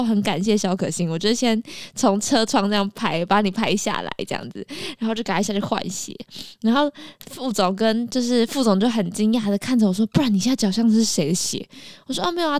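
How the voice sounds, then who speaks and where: A woman's voice: medium pitch, lively intonation, brisk, no room sound, studio quality. A woman co-hosts a casual podcast. She tells chatty stories, giggles and acts out what people said. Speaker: podcast co-host and bus conductor.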